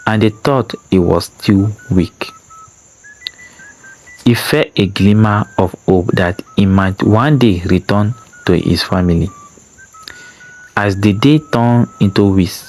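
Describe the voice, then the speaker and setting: A storyteller man narrating an emotional tale in a slow, dramatic reading style. His voice sits on the low side. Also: darkish tone, rough recording.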